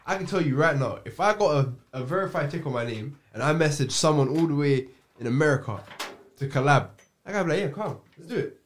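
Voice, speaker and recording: A man's voice: on the high side, fast talker, slight background noise. A man with a London roadman accent and street slang, chatting casually on a podcast.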